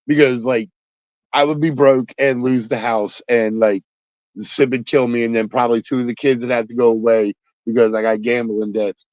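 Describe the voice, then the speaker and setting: A man's voice: medium pitch, level tone, moderate pace, no room sound. Blunt, joking man on a dry dull mic. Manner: blunt, profane, joking, says "like" a lot. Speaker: podcast co-host. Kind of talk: casual sports chat. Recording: dry, slightly dull sound.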